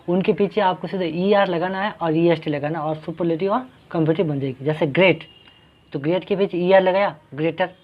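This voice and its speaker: A man teaching an English grammar lesson. He explains patiently, repeating each point and asking questions that he then answers himself. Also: high voice. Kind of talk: classroom-style grammar lesson. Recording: dull lo-fi recording.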